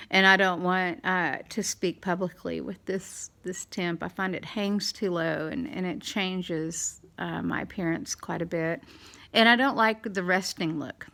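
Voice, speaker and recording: A middle-aged woman with a slight lisp, talking candidly in a halting, rambling way as in a casual video diary. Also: fairly low pitch, pushed and bright. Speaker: dental implant patient vlogger.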